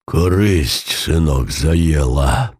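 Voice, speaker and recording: A man voicing a vicious old bandit who rasps and snarls his words out slowly. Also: very deep voice, lively intonation, a little mellow, no room sound, studio quality, voice pushed down, full character voice. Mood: snarling. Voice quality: hoarse, rasping.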